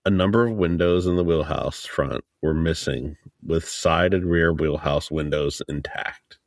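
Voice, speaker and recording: A man with a very low voice reads technical passages in a steady, measured way and joins in casual podcast chat. The sound is dry and close. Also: vocal fry, no echo. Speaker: podcast co-host. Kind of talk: reading a report aloud, casual chat.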